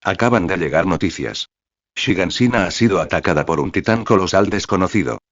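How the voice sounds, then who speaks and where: A synthetic male voice plays a furious, gruff garrison captain who barks at his men in a storybook. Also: sits low, lively intonation, fairly quick. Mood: stern. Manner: barking and stern. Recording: dry, slightly dull lo-fi sound.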